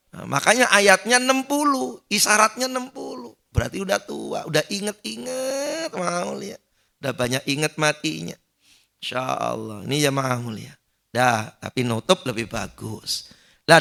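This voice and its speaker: A male preacher giving an animated dawn sermon in a mosque, acting out shouted pleas and joking with the congregation. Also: high voice, creaky.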